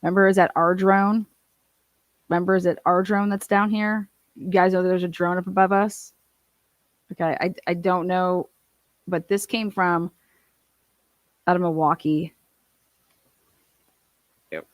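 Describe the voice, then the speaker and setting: A woman's voice: fairly low pitch, steady tone, a little slow, long pauses, no echo. Woman giving casual commentary, dry close sound. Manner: conversational, repeats questions for emphasis. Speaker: commentator playing back radio recordings.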